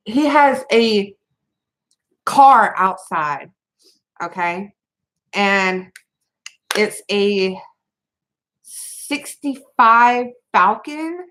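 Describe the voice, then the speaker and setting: A woman talks slowly and haltingly straight to her camera, circling back and restarting her sentences. She is a mother of three on the edge of tears, and her voice sits at a middle pitch throughout her unscripted venting. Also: a bit bright, slight background noise, rough recording. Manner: halting, rambling, many restarts. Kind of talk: tearful personal venting to camera.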